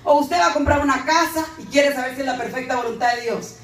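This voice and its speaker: A woman's voice: high voice, quick pace. A woman preacher from Guatemala with a Guatemalan accent, giving a fervent, emphatic sermon straight to her congregation. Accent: Guatemalan Spanish. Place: church. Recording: echoey church hall, mic far off, faint noise.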